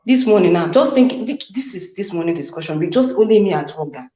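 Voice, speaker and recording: A woman caller from Nigeria talking on speakerphone from work, telling her story in a halting, hesitant way. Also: lowish voice, lively intonation, mellow. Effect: on speakerphone, echoing. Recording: echoey, muffled phone line.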